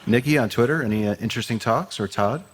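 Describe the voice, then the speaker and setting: A man moderating a panel, briskly reading out questions. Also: mid-range voice.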